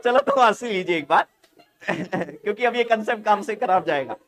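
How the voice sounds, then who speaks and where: A man's voice: high voice, normal speed. A man teaching a nursing exam class online, joking and teasing his students for laughing. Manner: animated, laughs often.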